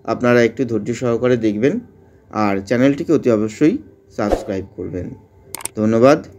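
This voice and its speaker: A man teaching Sanskrit verse pronunciation, chanting lines slowly syllable by syllable between short explanations. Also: medium pitch, noisy background. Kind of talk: slow syllable-by-syllable pronunciation lesson.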